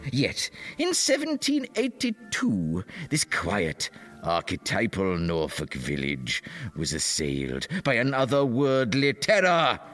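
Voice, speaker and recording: For a comedy podcast, a man plays a theatrical old teller of tall tales, heavily acted and slow-paced, with hammy, mock-gothic delivery and doddery asides. His pitch swings extremely animatedly, the mood is ominous and dramatic, and music plays clearly in the background.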